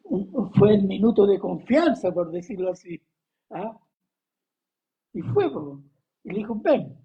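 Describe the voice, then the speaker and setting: Slow Chilean preacher, muffled recording. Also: medium pitch, sing-song. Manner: conversational, asks the audience questions, coughs often. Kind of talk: Bible study sermon. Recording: dull lo-fi recording.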